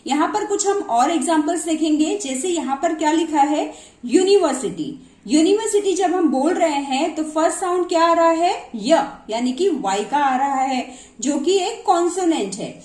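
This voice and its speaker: A woman's voice: high-pitched, expressive, moderate pace, a little mellow. A woman teaching English pronunciation, explaining in a mix of Hindi and English and asking and answering her own questions. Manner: mixes Hindi and English words. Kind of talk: slow explanatory lesson. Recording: echoey room.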